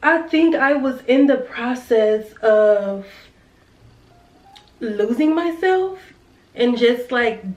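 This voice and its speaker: A young woman chatting to viewers while doing her makeup, heartfelt and casual, calling them girl and y'all. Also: a little high. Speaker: beauty vlogger. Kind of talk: casual get-ready-with-me chat. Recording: roomy sound from a distance with faint music.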